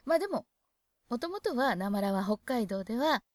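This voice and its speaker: A woman's voice: a little high, very animated, normal speed, no room sound. A woman from Hokkaido giving a casual spoken dialect lesson, chatty and thinking aloud as she explains. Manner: chatty, thinks aloud, asks herself questions. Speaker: dialect teacher.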